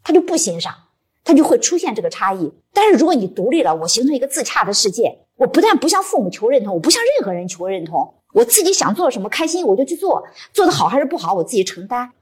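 A woman's voice: fairly high pitch, very animated, fast, husky. A woman literature professor speaking reflectively at a live book-club talk, explaining her points step by step.

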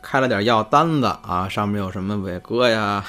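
A man hosting a storytelling podcast, narrating in a lively, chatty way with asides to his co-host. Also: on the low side, moderate pace, faint music behind.

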